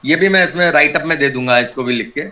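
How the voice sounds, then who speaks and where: A man teaching a Sanskrit class online, his voice fairly high and bright. He explains patiently, step by step, and repeats each key term. The sound is that of a video call. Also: fast talker.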